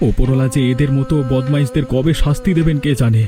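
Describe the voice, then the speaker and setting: Speaking quickly at a medium pitch over music, a man gives a lightly acted performance as a poor, humble male yogurt seller in a cartoon. The character comes across as dejected, deferential and plaintive.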